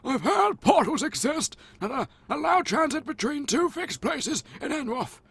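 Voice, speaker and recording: Man voicing an old wizard mentor in a game, high reedy old-man voice, rambling and absent-minded, dry throat. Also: sing-song, normal speed, vocal fry, a bit bright, dry recording, full character voice. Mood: wise.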